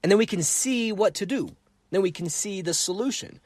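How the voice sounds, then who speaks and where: Dry-miked man, animated solo podcast host. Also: high-pitched, moderate pace, no room sound. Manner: animated storytelling, acts out voices, repeats phrases.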